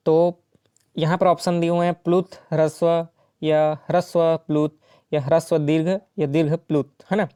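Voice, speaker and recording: A man's voice: fairly high pitch, level tone, moderate pace, warm tone, smooth, no room sound, clean studio sound. A man teaching an exam-prep lesson, explaining each question step by step and checking in often with the listener. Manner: explains step by step with frequent "ठीक है" and "है ना".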